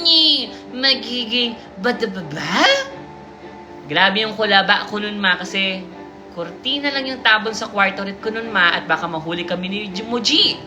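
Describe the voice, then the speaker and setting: A woman hosting a livestream, reading a submitted confession aloud and breaking off for playful, teasing asides. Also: medium pitch. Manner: playful, teasing asides and giggles between passages. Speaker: livestream host reading listener stories. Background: music.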